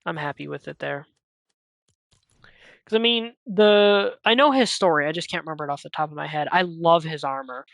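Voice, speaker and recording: A man's voice: on the high side, moderate pace, vocal fry, fairly bright tone, dry recording. A man streaming a video game, chatting casually and rambling as he thinks aloud and interrupts himself.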